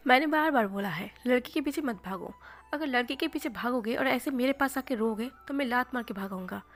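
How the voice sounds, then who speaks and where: A woman's voice: a little high, brisk, soft background music, close to an everyday voice. A woman doing a dry, teasing young man. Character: calm, teasing young man, unbothered best friend.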